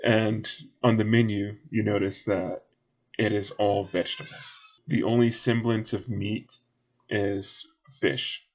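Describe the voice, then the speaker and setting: A man narrating as game master for a tabletop game, relaxed and rambling with many fillers. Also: fairly low pitch, slow pace.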